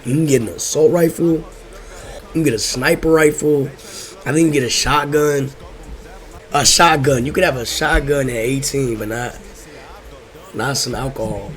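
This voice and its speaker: A man's voice: mid-range voice, moderate pace, long pauses, a bit bright. Young man, American accent, laid-back stoner talk, casual storytelling, heavy slang and swearing, repetitive, drifting. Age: young adult. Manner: rambling, repeats phrases, drifts off track. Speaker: host telling personal stories.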